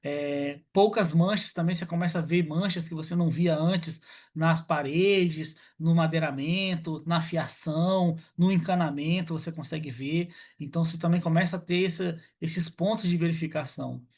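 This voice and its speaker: A man's voice: a little high, moderate pace, darkish tone. A man giving an online lecture over a video call, hesitant, with many fillers and restarts. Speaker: guest lecturer on pest control.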